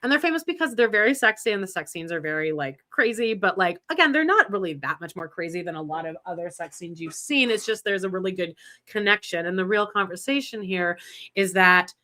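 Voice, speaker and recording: Lively in intonation and talking a little fast, this woman co-hosts a casual pop-culture podcast in a pushed, bright, mid-range voice. Her chatter is rambling and eager, full of "like" and frequent restarts.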